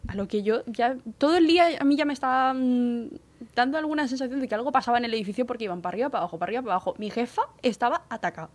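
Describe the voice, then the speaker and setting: A young woman from Spain with a Spanish accent rattles through a story at a brisk clip. Her voice sits a little high. She acts out the people in her anecdote as she answers the interviewer. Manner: lively, acts out the voices of others while telling a story. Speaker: interview guest. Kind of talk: telling an anecdote.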